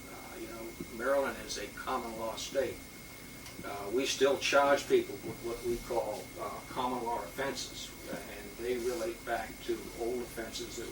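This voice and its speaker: A Boston, Massachusetts man with a mid-range voice rambles through a history talk, full of fillers and restarts. He's a police lieutenant speaking in a historic house meeting room, recorded with a distant mic that sounds roomy and hisses loudly.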